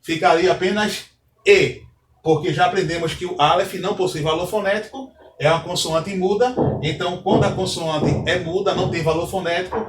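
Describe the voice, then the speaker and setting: Male teacher, fairly high voice, patient and repetitive, recorded from a distance. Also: a little fast, slight background noise. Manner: patient, repeats key points, asks the class questions. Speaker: Hebrew teacher. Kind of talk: recorded lesson, explaining step by step. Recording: echoey room, distant from mic.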